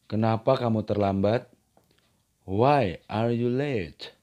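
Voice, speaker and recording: A man teaching beginners, reading short everyday phrases and then their translations in a slow, scripted drill. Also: on the low side, warm tone. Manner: reads each phrase in one language, then its translation. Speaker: language teacher.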